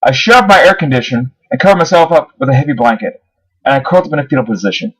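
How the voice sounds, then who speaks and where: A man's voice: medium pitch, lively intonation, very fast, a bit bright, breathy edge, poor audio. A man reading his own first-person horror story aloud, his voice rising on the dramatic moments. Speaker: narrator.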